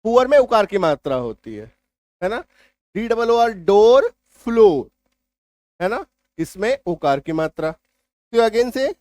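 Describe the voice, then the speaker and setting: A man teaching spelling rules, repeating key points and asking his students whether it is clear. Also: sits high, darkish tone, no room sound. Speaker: English teacher. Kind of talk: spoken spelling lesson.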